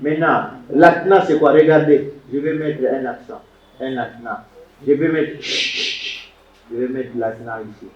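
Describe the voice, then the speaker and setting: A man's voice: mid-range voice, fairly even intonation, unhurried. A man teaching biblical Hebrew grammar to a class, repeating words and quizzing his students as he lectures. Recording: roomy, distant, dull lo-fi classroom recording.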